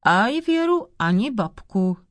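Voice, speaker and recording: A woman's voice: mid-range voice, sing-song, no room sound, natural voice. A woman voicing a limping, kindly old father who worries about his son. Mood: firm.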